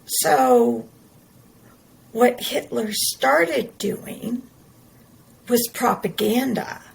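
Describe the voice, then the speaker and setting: A woman's voice: fairly high pitch, big pitch swings, drawn-out words, vocal fry, a little hiss or hum, low-quality recording. A middle-aged woman, talking earnestly and emphatically in a personal monologue, often repeating her words. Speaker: podcast host.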